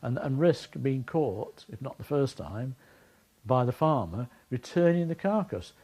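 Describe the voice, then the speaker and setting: A man answering interview questions as an investigator of animal deaths, recounting events in a measured way with frequent restarts. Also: mid-range voice, animated, dark tone, breathy edge, low-quality recording.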